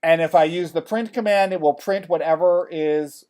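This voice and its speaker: A male college theater design instructor teaching software in a casual classroom style, often checking in with the class. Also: on the high side, moderate pace, clear, resonant tone. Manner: chatty, checks in with "okay?" often.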